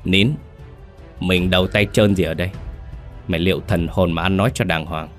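A man's voice: low voice, steady tone, moderate pace, soft background music, lightly acted. A man voicing a cold, bullying young village teacher who talks down harshly.

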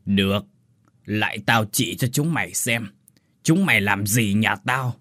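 A man voicing a hoarse grave ghost that has possessed a young man, barking orders in a story reading. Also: fairly low pitch, a little slow, sharp tone, no room sound, clean studio sound. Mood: menacing. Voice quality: hoarse, harsh commanding.

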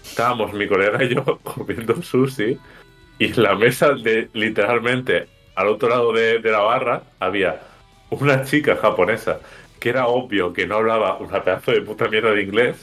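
Lowish-voiced man, casual and foul-mouthed podcast co-host telling a story. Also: moderate pace, a bit bright, faint music behind. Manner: crude, joking, swears freely. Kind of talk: casual chat.

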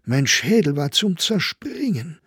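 A man's voice: a little high, sing-song, unhurried, a bit bright, slightly rough, dry recording, clean studio sound, pitched above the performer's own voice, heavily acted. A man voicing a breezy, theatrical young woman with sighing, carefree speech in a storybook.

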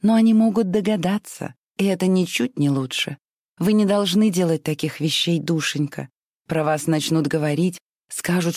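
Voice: mid-range voice, darkish tone, no room sound, clean studio sound, voice pushed up, close to an everyday voice. A reader voicing a fussy, easily tearful elderly aunt who scolds in a fluttery way. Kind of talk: audiobook reading.

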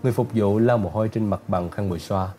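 A male narrator reading an audiobook in a steady, even storytelling voice. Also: fairly low pitch, quick pace, faint music behind.

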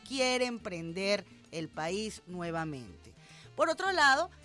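A woman's voice: on the high side, a bit bright. Emphatic Venezuelan woman radio host. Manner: emphatic and indignant, with sarcastic asides. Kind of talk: radio commentary.

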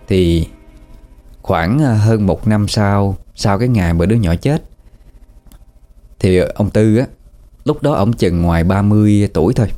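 A man with a Southern Vietnamese accent narrating a ghost story in a relaxed, folksy way with fillers. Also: lowish voice.

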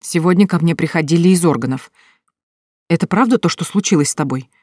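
A woman's voice: lowish voice, brisk, darkish tone, dry recording, studio quality, close to an everyday voice. A woman voicing a desperate grown man in an audiobook, pleading urgently.

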